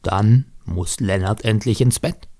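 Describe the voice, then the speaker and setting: A man reading his own first-person story aloud on stage, in a lively, expressive storytelling manner. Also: lowish voice, a little slow, gravelly.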